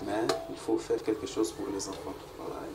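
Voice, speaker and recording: A man's voice: fairly low pitch, little pitch movement, a little fast. A man, answering as a guest artist in a casual interview, laying out his plans at length and mixing in Swahili words. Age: 40s. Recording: echoey room, distant mic, noisy.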